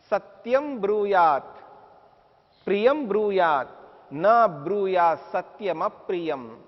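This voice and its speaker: A man giving a spiritual discourse, speaking slowly and emphatically and repeating Sanskrit verses. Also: sits high. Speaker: religious teacher. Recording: dull lo-fi audio with long reverb.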